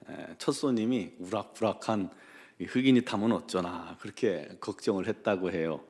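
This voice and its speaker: Low-voiced male pastor preaching calmly. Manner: calm, conversational storytelling with frequent "uh" pauses; reads scripture in a measured, formal cadence. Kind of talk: early-morning prayer sermon.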